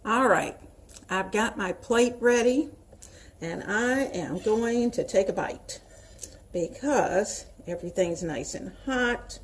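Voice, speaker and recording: A woman from the Southern United States hosts a relaxed home cooking demonstration, chatting to her audience in a folksy style with her Southern accent. She speaks slowly at a medium pitch, and there is slight background noise.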